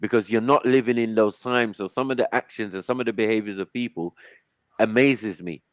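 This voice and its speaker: An African man hosts a heated, casual panel discussion over an online call, talking over the other participants and repeatedly saying "hold on" to keep the floor. His voice is fairly low, his intonation fairly even, and his pace brisk, in a dry recording.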